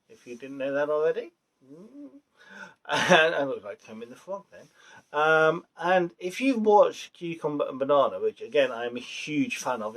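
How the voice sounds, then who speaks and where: A young man casually reviewing a show on his vlog, rambling with fillers and restarts. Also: mid-range voice. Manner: rambling, many fillers and restarts, laughs at his own jokes. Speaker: vlogger reviewing a TV series.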